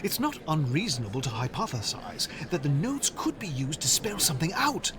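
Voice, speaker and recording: An actor voices an eager, polite young Englishman who is an opera fan, rambling with enthusiasm. His slightly high voice is very animated and brisk, with a crowd audible behind him.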